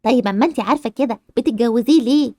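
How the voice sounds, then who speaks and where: A woman's voice: a little high, very fast, dark tone, no echo, lightly acted. A woman doing a frank Egyptian doctor. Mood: exasperated. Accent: Egyptian Arabic. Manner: frank, exasperated. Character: blunt, outspoken woman doctor.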